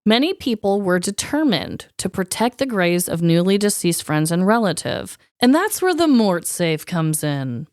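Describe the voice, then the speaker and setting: A woman's voice: fairly low pitch, sing-song, moderate pace, hardly any pauses, no room sound, clean studio sound. A woman co-hosting a podcast in casual, chatty style, with a slightly wheezy voice and a playfully dramatic, emphatic way of talking. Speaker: podcast co-host.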